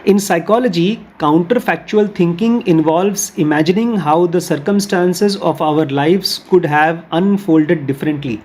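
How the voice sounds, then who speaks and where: A man with a somewhat high, husky voice gives an explanatory talk, mixing Hindi with English phrases. He reads English sentences out slowly, then unpacks them in Hindi with everyday examples and little role-plays. The tone is that of a patient course teacher. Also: darkish tone.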